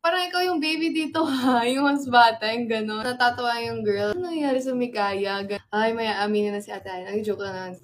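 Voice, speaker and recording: A woman's voice: a little high, a little fast, few pauses. A young woman casually retelling a story on a livestream, acting out quotes and laughing often.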